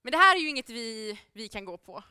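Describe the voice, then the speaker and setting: Bright, crisp-voiced woman preaching. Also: fairly high pitch, big pitch swings, no room sound, studio quality. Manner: casual and chatty, with many fillers and frequent laughs. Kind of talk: informal sermon to a congregation.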